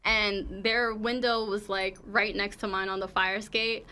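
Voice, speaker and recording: A woman's voice: medium pitch, level tone, unhurried, bright, forceful tone, clear, resonant tone. A woman from the Bronx with a New York accent, a comedian guest talking candidly and laughing easily in a casual interview. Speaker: stand-up comedian and podcast guest.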